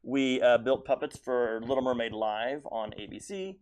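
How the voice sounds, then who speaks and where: A man's voice: medium pitch, normal speed, a little mellow, slight background noise. An American man who builds puppets, explaining his work in a casual interview.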